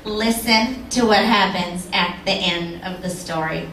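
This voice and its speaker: A woman's voice: fairly low pitch, unhurried, a bit bright, echoey room, distant mic, slight background noise, poor audio. A woman giving an inspirational banquet speech, telling a story and asking the audience rhetorical questions. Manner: storytelling, reads verse aloud with rhythm. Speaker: banquet speaker. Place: banquet hall.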